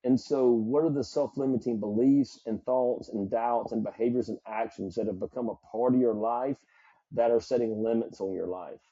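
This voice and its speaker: A man's voice: medium pitch, steady tone, moderate pace, warm tone, breathy edge, no room sound, highs cut off. A middle-aged man from South Carolina with a Southern accent, a psychologist speaking earnestly and reflectively as a podcast guest. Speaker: psychologist and performance coach guest. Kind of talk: podcast interview.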